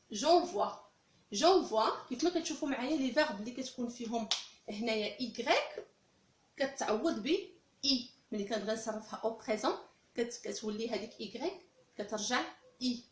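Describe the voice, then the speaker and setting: A woman with a Moroccan Arabic accent, teaching French grammar step by step and repeating each example phrase slowly and carefully. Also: fairly high pitch, roomy sound.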